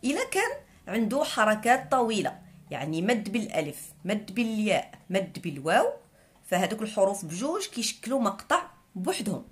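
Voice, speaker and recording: A woman's voice: medium pitch, sing-song. A woman with a Moroccan Arabic accent guides learners through a lesson. Her voice rises and falls freely as she stretches sounds out and repeats each word with patience. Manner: patient, spells out sounds slowly and repeats words. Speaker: Arabic teacher. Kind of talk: explaining a lesson.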